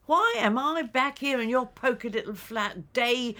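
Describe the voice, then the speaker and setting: A woman's voice: a little high, animated, a little slow, bright, forceful tone. An actress playing an exasperated woman who scolds with sarcasm.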